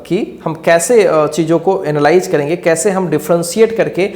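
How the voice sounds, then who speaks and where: A man's voice: fairly high pitch, normal speed, a little mellow. Male teacher lecturing in an echoey room. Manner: keeps asking students rhetorical questions; repeats key phrases while explaining. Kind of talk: classroom lecture.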